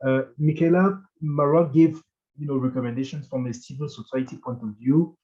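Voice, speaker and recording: A man moderating an interview, putting questions in a hesitant, halting way over muffled audio. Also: mid-range voice, steady tone, warm tone. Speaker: host, moderator.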